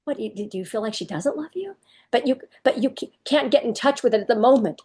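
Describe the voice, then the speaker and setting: A woman with a slightly husky, fairly high voice coaching parents. She talks emphatically and turns straight to the listener as if to a mother in front of her. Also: lively intonation, quick pace, a little mellow. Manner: emphatic, addresses parents directly. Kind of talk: direct-to-camera parenting advice.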